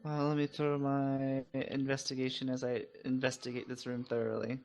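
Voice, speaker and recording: A man's voice: mid-range voice, monotone, normal speed, creaky, a little mellow. A man chatting casually as a player in a tabletop game, often searching for his words. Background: background music.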